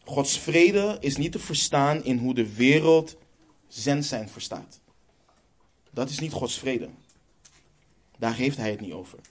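A man preaching a sermon, earnest and measured, slowing down on key phrases and then reading scripture aloud. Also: mid-range voice, animated.

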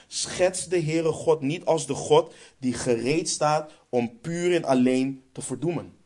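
A man's voice: a little high, measured pace, a little mellow. A man with a Dutch accent preaching a sermon, emphatic and stressing points by repeating phrases.

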